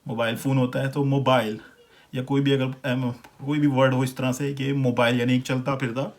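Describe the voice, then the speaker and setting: A man from Pakistan with a Pakistani accent, giving a relaxed, conversational pronunciation lesson and repeating words slowly to compare them. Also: mid-range voice. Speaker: language teacher. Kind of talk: casual explanatory lesson.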